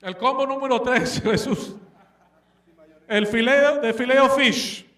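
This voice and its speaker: A man's voice: extremely high pitch, slow, a bit bright. A man preaching a sermon with animation, asking the congregation questions and slipping English words into his speech. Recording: echoey room, distant mic.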